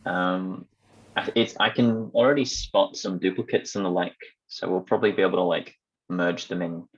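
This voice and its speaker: A man's voice: low voice, fairly even intonation, normal speed, breathy edge. A young man talking casually in a student society meeting over an online call with dull, lo-fi sound. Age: young adult.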